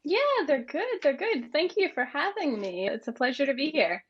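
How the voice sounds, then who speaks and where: This interview guest, an agency managing director from Maine, speaks with an American accent in a relaxed, conversational way. Her voice sits high and is very animated at a normal speed. The highs are cut off, and faint music plays behind her.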